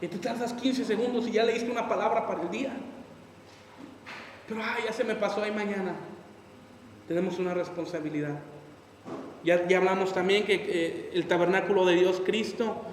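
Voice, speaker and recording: A man's voice: sits high, normal speed. A man preaching a sermon as a pastor, acting out people's excuses in quoted voices. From Mexico. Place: church hall. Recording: echoey hall from far off, faint noise.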